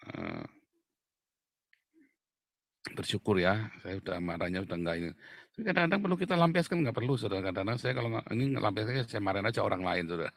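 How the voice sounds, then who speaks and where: A middle-aged man preaching a casual, joking sermon, dropping to low murmurs and then shouting out loud. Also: gravelly, dry recording, clean studio sound. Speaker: pastor.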